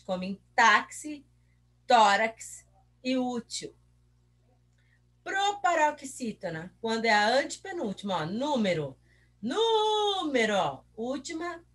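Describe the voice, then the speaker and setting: A woman teacher walks young pupils through a review lesson, patient and encouraging. Her voice sits fairly high and swoops lively up and down. She drags out example words slowly, syllable by syllable. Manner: patient, encouraging, asks the class questions.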